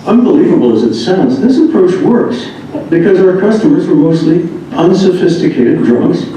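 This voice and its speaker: An American man with a high-sitting, mellow voice and lively intonation reads at a moderate pace from someone else's memoir, amused by its humorous first-person anecdotes. He is in an echoey indoor room, heard through a distant mic that leaves the audio dull with faint noise.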